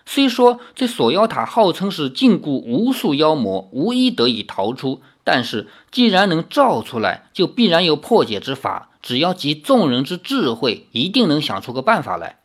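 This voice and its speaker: A reader voicing a calm, wise young woman who speaks in a reasoned, reassuring way, in an audiobook reading. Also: medium pitch, moderate pace, few pauses. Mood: reasoning.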